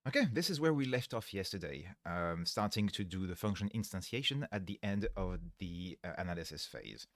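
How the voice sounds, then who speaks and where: A man with a lowish voice explains his code over a livestream headset mic, thinking aloud and stopping to correct himself as he goes. He sounds tired, and the close microphone leaves the sound dry with no room around it. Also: expressive, a bit bright, no room sound. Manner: explains step by step, pausing and correcting himself mid-sentence. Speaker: livestreaming programmer. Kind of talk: thinking aloud while coding on a live stream.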